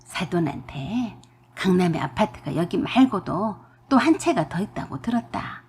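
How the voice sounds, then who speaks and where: A woman's voice: on the low side, animated, moderate pace, darkish tone, breathy edge, voice pushed down, exaggerated voice. A woman voicing a pushy, scheming older mother-in-law who scolds and demands, in a storybook radio drama. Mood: wheedling.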